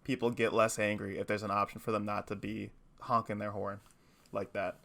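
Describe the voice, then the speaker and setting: A man's voice: on the low side, level tone, brisk, vocal fry, a bit bright. A man co-hosting a podcast, chatting casually and rambling with frequent laughs. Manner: rambling, laughs often, playful. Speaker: podcast co-host. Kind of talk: casual chat.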